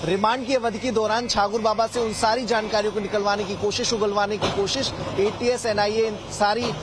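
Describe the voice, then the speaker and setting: A man giving a live news report from the field in an urgent, steady way. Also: high voice, normal speed. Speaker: field correspondent. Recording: loud outdoor traffic noise.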